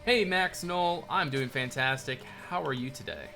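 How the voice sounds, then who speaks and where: A man with a bright, forceful voice hosts a live stream, thanking new followers and rambling through viewer questions. His relaxed talk drifts from topic to topic, with faint game music playing under it. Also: mid-range voice, normal speed. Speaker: livestream host building in a game. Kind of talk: casual live commentary reading chat. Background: faint game soundtrack music.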